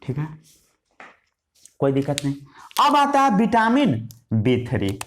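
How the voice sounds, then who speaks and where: A man teaching a science class, his somewhat high voice rising and falling a lot as he asks questions and answers them himself. He repeats each key term and writes as he talks. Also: huge pitch swings, measured pace, slight background noise. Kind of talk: Hindi science lesson with English terms.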